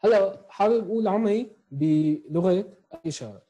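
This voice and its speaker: A man in his twenties with a Syrian Arabic accent teaches sign language online from a small room at home, explaining step by step and often asking "okay?". Recorded on an earphone headset mic over a video call, his high, expressive, dark-toned voice comes quickly through a rough recording.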